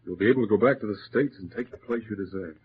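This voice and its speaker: A man's voice: on the low side, very fast, lightly acted. Man acting Sergeant Preston, tinny old radio. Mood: calm authority. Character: steady, commanding, protective Mountie sergeant.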